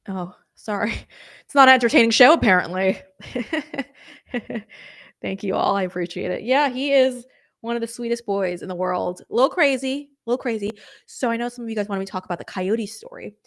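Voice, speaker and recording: A young woman hosting a live stream, chatting casually and rambling through viewer comments with quick apologetic asides. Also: mid-range voice, fairly bright tone. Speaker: host of a political live stream.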